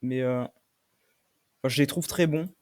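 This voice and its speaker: A young man commentating his own game play, swearing often and shouting when he loses. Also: medium pitch, moderate pace. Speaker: gaming streamer.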